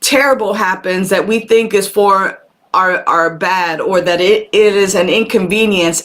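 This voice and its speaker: Her voice sits in the mid-range with a fairly bright tone as she hosts a live-streamed spiritual talk. The woman, a minister, calls out viewers by name and repeats phrases to drive her points home in a chatty preaching style, recorded on a camera microphone.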